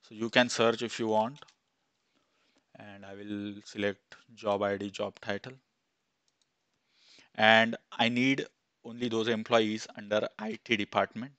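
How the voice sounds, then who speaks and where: A man in his thirties, an instructor, talking step by step through a screen-recorded software tutorial on a headset mic, with fillers as he goes. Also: on the low side, flat delivery, measured pace, long pauses, no room sound. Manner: plain step-by-step, thinking aloud with fillers. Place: small room indoors.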